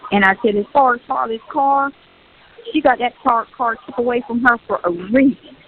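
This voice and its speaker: An older Southern US woman vents on a personal call recorded from a prison phone, insistently repeating phrases for emphasis. Her voice is a little high and her speed normal, carried over a tinny, hissy line.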